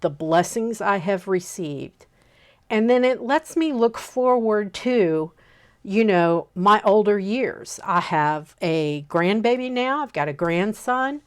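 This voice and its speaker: Slow, smooth-voiced woman in her fifties. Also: mid-range voice, expressive. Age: 50s. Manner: unhurried, pausing often with "um" and a checking "okay?". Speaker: host teaching on pagan practice. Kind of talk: casual spoken lesson.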